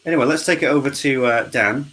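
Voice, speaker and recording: A man's voice: medium pitch, quick pace, background noise. A man hosting a charity live stream, chatting and teasing his guests on a video call. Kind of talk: casual group chat.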